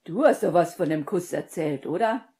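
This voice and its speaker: A woman reading an audiobook and voicing a hot-headed young man in a loud, blunt, exasperated manner. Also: lowish voice, animated, normal speed, natural voice.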